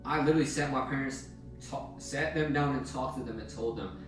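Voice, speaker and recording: Young male vlogger, mid-pitched, blunt and profane, recorded off-mic in a live room with music underneath. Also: fairly quick, a bit bright. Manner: blunt, slangy, swears freely. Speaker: self-help vlogger. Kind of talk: casual motivational monologue. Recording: very echoey room, mic at a distance, music behind.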